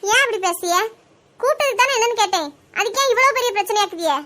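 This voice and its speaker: A woman's voice: very high-pitched, expressive, quick pace, pushed and bright, slight background noise, exaggerated voice. A woman voicing a defiant young daughter-in-law in a cartoon, with a Kanyakumari Tamil accent and curt, exasperated retorts. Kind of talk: cartoon voice acting.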